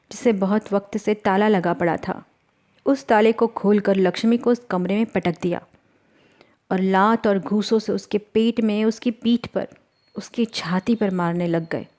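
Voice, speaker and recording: A woman storyteller reads her serialized novel with earnest drama. Her voice sits at an ordinary middle pitch. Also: a little mellow. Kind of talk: scripted dramatic narration.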